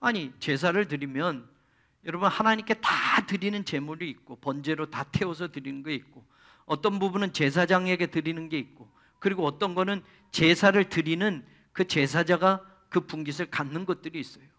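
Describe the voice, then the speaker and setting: A man's voice: on the high side, normal speed, bright, forceful tone. A male pastor preaching a church sermon, speaking expressively and addressing the congregation directly.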